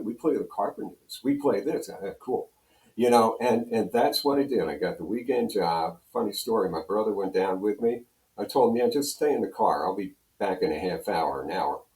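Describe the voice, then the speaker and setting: As an interview guest, a man in his seventies from Pennsylvania, a radio program director and on-air voice, tells casual, meandering stories, repeating phrases along the way. He speaks on the low side with a darkish tone in an echoing room.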